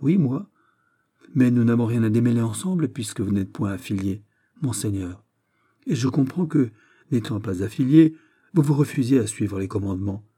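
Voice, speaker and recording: A man's voice: medium pitch, normal speed, slightly rough. Man doing Aramis, a haughty cold prelate. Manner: calm, haughty, cutting. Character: Aramis, a cold, disdainful older male prelate.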